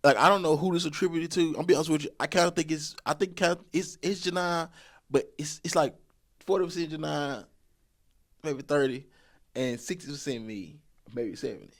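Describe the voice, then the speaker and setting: Speaking a little fast with a fairly high pitch, a man in his thirties co-hosts a podcast. He offers relationship advice in a loose, colloquial ramble, laughing and repeating himself frequently.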